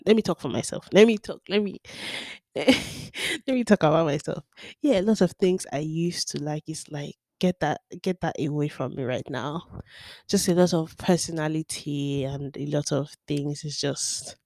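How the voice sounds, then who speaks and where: A woman in her twenties hosting a solo podcast, talking frankly and chattily with lots of fillers and sudden swings between loud and soft. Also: sits low, moderate pace, no echo, studio quality. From Nigeria. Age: 20s. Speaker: podcast host. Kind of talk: candid solo podcast monologue.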